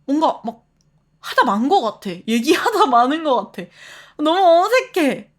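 A woman streamer chatting casually with her viewers, animated, laughing often and reading the chat aloud. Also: high-pitched, measured pace.

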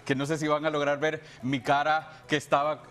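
In a television studio with a music bed behind him, a Salvadoran man in his thirties, a TV presenter, gives an unscripted, heartfelt farewell to the show. He sounds earnest and grateful, and his fairly high, slightly bright voice stays flat as he talks a little fast.

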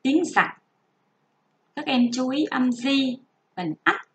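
A woman teaching a first-grade reading lesson online, reading slowly and spelling out each sound for young children. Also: sits high, expressive. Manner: slow, careful, drawn-out model reading and spelling out sounds. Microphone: home recording for an online class. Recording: dull lo-fi sound.

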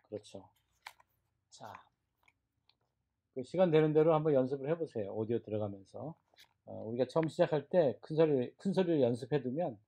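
A man's voice: medium pitch, warm tone. A man teaching a beginner Chinese class, explaining tones and drilling syllables aloud for students to repeat. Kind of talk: classroom lecture.

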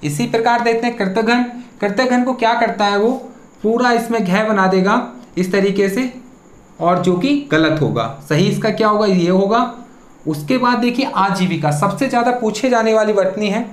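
This spelling lesson for exam prep is recorded in a room with echo. The teacher has a mid-range voice and moderate pace, posing questions before answering them and breaking words into syllables while spelling.

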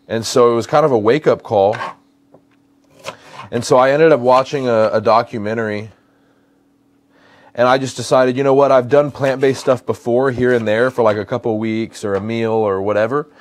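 A lifestyle vlogger in his thirties with an American accent chats casually while cooking in his home kitchen, repeating phrases for emphasis. His voice is lowish, with slight background noise.

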